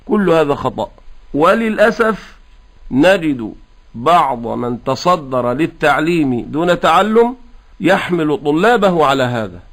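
Arabic Quran teacher, man, higher voice. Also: animated, a bit bright. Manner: explains slowly and patiently, then chants verses in drawn-out melodic recitation. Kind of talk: tajweed lesson with recitation.

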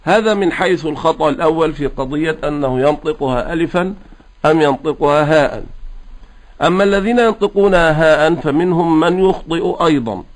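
A man teaching Quran recitation, explaining pronunciation rules patiently and chanting the verses in a slow, drawn-out melodic style. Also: a little high. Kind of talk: tajweed lesson with recitation.

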